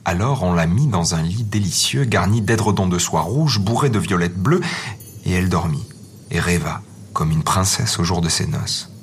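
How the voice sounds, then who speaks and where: Low-voiced male fairy-tale narrator. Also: normal speed, slight background noise. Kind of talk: storybook narration. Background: faint music.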